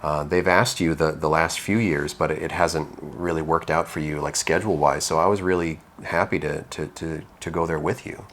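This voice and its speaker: A man co-hosting a podcast, talking in a relaxed, rambling way with many restarts. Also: rumbling low, normal speed, hardly any pauses, a little hiss or hum. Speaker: podcast co-host, piercing educator. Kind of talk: casual chat.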